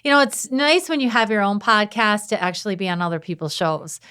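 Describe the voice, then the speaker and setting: A woman in her fifties from Wisconsin, a former police officer, chatting as a podcast guest in a loud, bubbly way and laughing often. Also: medium pitch, animated, fairly quick, clear, resonant tone. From Wisconsin, USA. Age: 50s. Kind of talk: casual interview chat.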